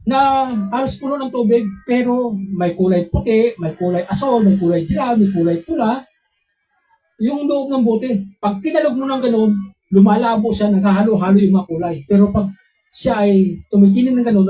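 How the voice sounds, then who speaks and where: A male pastor delivers a sermon built around his own memories. He tells them in an animated way, acts out what others said, and turns to his listeners with questions. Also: extremely high pitch, poor audio. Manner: animated storytelling, voices quotes, asks listeners questions. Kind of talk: preaching sermon with personal stories.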